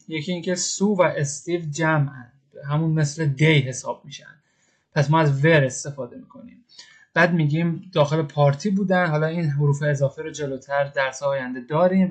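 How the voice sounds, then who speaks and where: A man's voice: on the high side, fairly even intonation. A man teaching English grammar step by step, patiently repeating each example and translating it.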